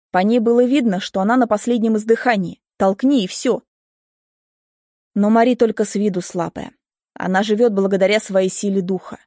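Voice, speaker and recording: A woman reading a first-person story aloud in a steady, emotive way. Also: mid-range voice, no room sound, clean studio sound. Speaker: audiobook reader. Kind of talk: scripted first-person narration.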